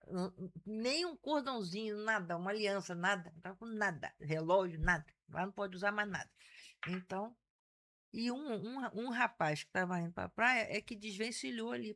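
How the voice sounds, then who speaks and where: Carioca woman, older, gravelly storyteller. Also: medium pitch. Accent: Carioca Portuguese. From Brazil (Rio de Janeiro). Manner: animated storyteller, frequent self-restarts. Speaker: guest. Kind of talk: casual conversational interview.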